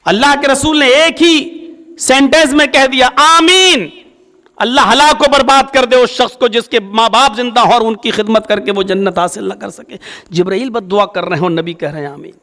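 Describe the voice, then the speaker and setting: A male Islamic preacher giving a sermon, telling a story and acting out its dialogue with swings in pitch. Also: moderate pace, bright, forceful tone, big-room sound. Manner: storytelling, acts out dialogue with rising and falling pitch.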